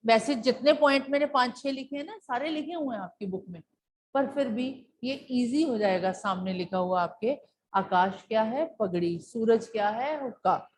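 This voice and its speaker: A woman's voice: a little high, moderate pace, slight background noise. A woman teacher explaining a poem to her class, patiently repeating key points and asking questions that she then answers herself. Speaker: school teacher.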